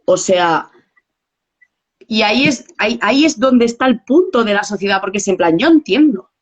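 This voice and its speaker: Woman, animated storytelling, slightly dull lo-fi recording. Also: mid-range voice, normal speed. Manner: animated storytelling, acting out quoted dialogue. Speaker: guest. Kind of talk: casual conversation.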